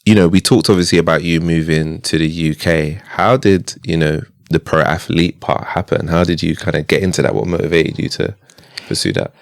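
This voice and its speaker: A male podcast host asks open questions in a relaxed, encouraging way, filling pauses with "mm" and checking in with "right?". His voice is very deep and recorded dry and close. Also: creaky, dry recording. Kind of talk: casual interview.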